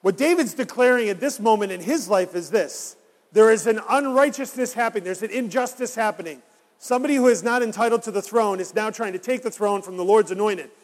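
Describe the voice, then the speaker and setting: A man's voice: high-pitched, fairly quick, big-room sound. A man preaching a sermon as a pastor, talking conversationally and putting rhetorical questions to his congregation.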